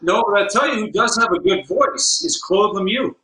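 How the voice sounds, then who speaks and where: Man, podcast guest host, casual rambling chat, high voice, echoey room. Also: normal speed, bright, forceful tone, slight background noise. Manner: easygoing, rambling with fillers. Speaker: guest host and guitar player. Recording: roomy echo.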